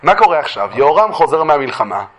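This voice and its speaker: A man teaching a religious lesson as an animated story, acting out the voices of the figures. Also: a little high.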